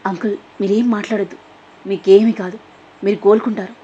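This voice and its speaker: A man's voice: sits high, flat delivery, fairly quick, warm tone, breathy edge. A woman voicing a young man who comforts a frightened girl firmly. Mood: reassuring. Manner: reassuring, firm. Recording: dull lo-fi recording.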